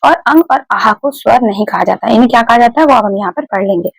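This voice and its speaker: A woman's voice: on the high side, lively intonation, fast, creaky, husky, no room sound, low-quality recording. A woman teaching a grammar lesson, explaining step by step, repeating key points and putting questions to her students. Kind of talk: classroom lecture.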